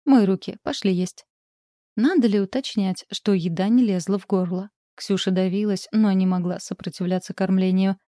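A woman narrating a literary story in a calm, measured audiobook reading. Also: medium pitch, no room sound, studio quality.

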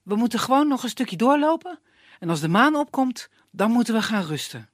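A man's voice: extremely high pitch, big pitch swings, a little fast, dry recording, studio quality, pitched above the performer's own voice, heavily acted. A storyteller voicing a young man who reassures his companion in a puppet tale. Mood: reassuring.

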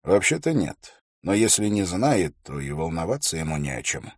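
A man voicing a gruff, grey-bearded old ranger who speaks in a dry, wry, unhurried way. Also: sits low, big pitch swings, no room sound, exaggerated voice.

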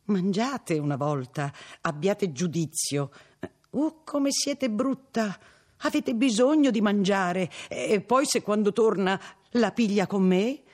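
A man's voice: sits high, takes it slowly, darkish tone, voice pushed up. A man reading an audiobook, voicing an old woman servant who coaxes with irritable pleading. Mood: coaxing.

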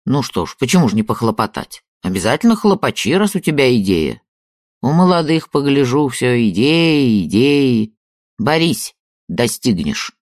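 A man reading an audiobook, voicing a blunt, folksy old rural father who lectures the young. The lines swing from low and grumbling to high and lively, with a dry, close sound. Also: moderate pace, no echo, natural voice. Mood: teasing. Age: older. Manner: folksy, lecturing, plain-spoken.

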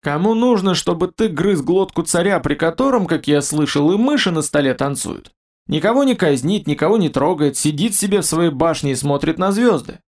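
A man voicing a huge, ancient male beast guarding treasure, gruff, blunt and suspicious. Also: fairly high pitch, expressive, moderate pace, a little mellow. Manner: grumbling, blunt, menacing. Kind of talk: audiobook character voice.

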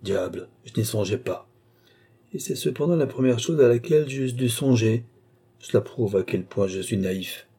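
Glib scheming nobleman, dark husky voice, read by a man. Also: medium pitch, moderate pace. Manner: glib, ironic. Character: scheming, flippant young nobleman.

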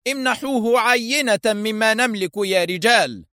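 A man's voice: high voice, normal speed, bright, forceful tone, no room sound, studio quality, voice pushed up. A man voicing a mocking, stern male intelligence chief in an audio story, with a noticeably raised voice. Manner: sarcastic, stern.

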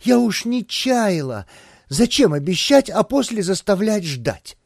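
A man doing a brisk, commanding young ballerina. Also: high voice, very animated, vocal fry, dry recording, clean studio sound, voice pushed up, heavily acted. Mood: coquettish. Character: bold, imperious young woman, a ballerina. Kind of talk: audiobook character voice.

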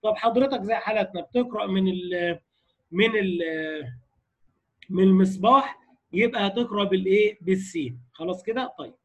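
High-voiced Egyptian man teaching recitation. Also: a little fast, dull audio. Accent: Egyptian Arabic. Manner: explanatory, checks in with students. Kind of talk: lecture on recitation variants.

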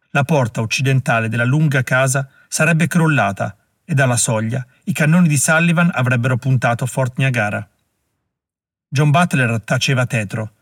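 A man narrating an audiobook in a measured way, slowing down at dramatic moments. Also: mid-range voice, no echo, studio quality. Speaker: audiobook reader.

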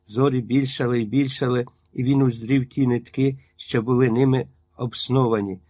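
A man reading a literary story aloud as audiobook narration, with a measured, even delivery. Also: medium pitch, no echo. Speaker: reader.

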